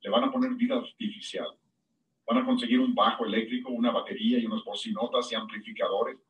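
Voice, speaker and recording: A man preaching a sermon, with sudden high-pitched emphasis on key words. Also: fast talker, far from the mic, lo-fi sound. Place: church.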